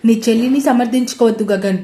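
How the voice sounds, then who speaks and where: A woman's voice: fairly high pitch, fairly even intonation, fast talker, warm tone, natural voice. Woman reading as a stern young man. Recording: roomy echo.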